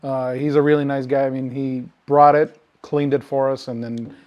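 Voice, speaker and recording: A podcast co-host with a mid-range voice talks at a normal speed, and the recording has its highs cut off. He rambles loosely through stories in casual chat, swearing a lot and getting animated as he tells them.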